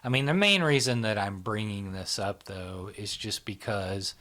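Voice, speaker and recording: A middle-aged psychology channel host and founder gives a casual interview in a fairly low, sharp voice at a moderate pace. He rambles, fills gaps with filler and often turns to "right?" and "you know?"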